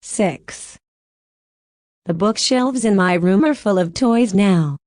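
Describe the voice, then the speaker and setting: Reading numbered practice sentences as scripted listening material for an English textbook, a woman dictates very slowly and deliberately. Her voice sits at a middle pitch with a slightly mellow quality, and the recording is close and dry.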